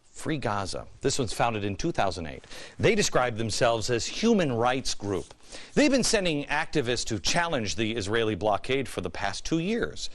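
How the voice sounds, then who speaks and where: A man's voice: medium pitch, a bit bright. An American man hosting a political commentary show, delivering a sarcastic, mock-innocent monologue full of repeated phrases and pointed rhetorical questions.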